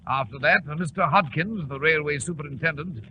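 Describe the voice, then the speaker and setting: An actor playing an earnest English gentleman doctor, a detective's loyal companion, in 1940s radio drama with a British accent. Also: fairly high pitch, normal speed, muffled recording, lightly acted. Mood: grave, recounting. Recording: faintly noisy 1940s radio recording.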